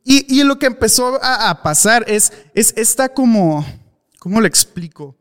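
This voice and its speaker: A man's voice: high-pitched, lively intonation, measured pace, fairly bright tone. A young adult man with a Mexican accent, hosting a podcast and telling a story candidly, with restarts and acted-out dialogue. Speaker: podcast host. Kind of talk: casual storytelling monologue.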